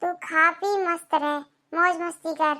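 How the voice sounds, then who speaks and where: A bossy old mother-in-law snaps and scolds in a cartoon, as a woman puts her on. The voice sits very high and sharp. Her tone is contemptuous and domineering throughout. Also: little pitch movement, unhurried, full character voice. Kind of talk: Hindi cartoon voice acting.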